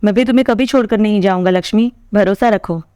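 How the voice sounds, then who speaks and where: A woman voicing a stubborn young man in love who speaks earnestly and insistently, with a clear voice. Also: mid-range voice, fast talker, dark tone, dry recording, clean studio sound, lightly acted. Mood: tender. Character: stubborn young man in love, defiant toward his sister.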